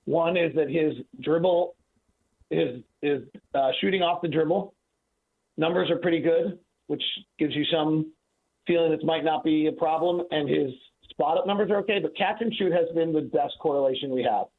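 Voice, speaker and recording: A fairly high-pitched male voice with vocal fry speaks at a moderate pace on a tinny phone-like line. He's a guest on a radio show, breaking down sports in an emphatic, argumentative, conversational way and repeating himself for stress.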